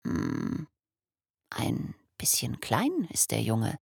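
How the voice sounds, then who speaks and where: A woman voicing an excitable male water sprite, a new father who breaks into high cries. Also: normal speed, creaky, slightly rough, no echo, studio quality, exaggerated voice. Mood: hushed.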